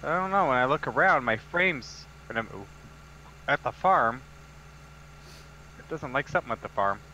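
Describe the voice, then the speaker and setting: A man with a bright, sharp voice chats casually while playing a farm game with friends. He ribs them in a dry, matter-of-fact way. His mic sounds dull and lo-fi, with faint noise underneath. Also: mid-range voice, animated, normal speed. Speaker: co-player on a stream. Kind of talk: casual gaming chat.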